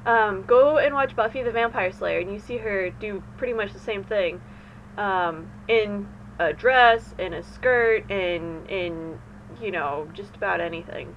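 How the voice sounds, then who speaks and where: A woman's voice: medium pitch, unhurried. A woman co-hosting a casual fan podcast, chatty and playfully joking. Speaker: podcast co-host. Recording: dull lo-fi sound with faint noise.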